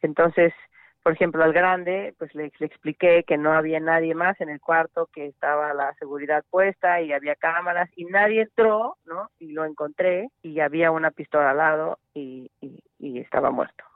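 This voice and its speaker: A woman's voice: sits low, normal speed, no echo. Woman calling in to a radio show, earnest, lots of restarts, phone-line sound. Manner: earnest, reflective, many restarts. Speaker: guest, bereaved mother. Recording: tinny phone line, dry.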